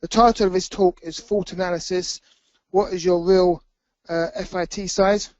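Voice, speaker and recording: A man with a notably high voice introduces the next conference speaker, reading out a formal bio and stumbling now and then on an "uh". The sound is dry and muffled, with no room around it. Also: flat delivery, moderate pace, darkish tone, no echo. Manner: reads a formal bio with fillers. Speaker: session chair.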